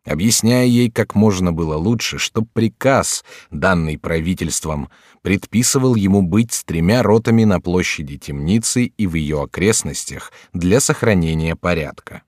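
A man reading a classic novel aloud as an audiobook narrator, in a measured, even storytelling manner. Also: sits low, dry recording, studio quality.

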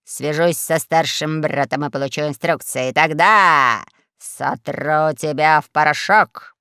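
A woman voicing a pompous, blustering male space admiral in a storybook, loud and self-important. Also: deep voice, normal speed, smooth, no room sound, pitched below the performer's own voice. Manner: shouting, pompous.

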